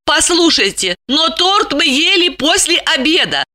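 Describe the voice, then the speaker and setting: A woman reading an audiobook voices an excitable plump married woman who is quick to flare up and scold. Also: high-pitched, voice pushed up, full character voice. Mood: mocking reproach. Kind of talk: audiobook character voice.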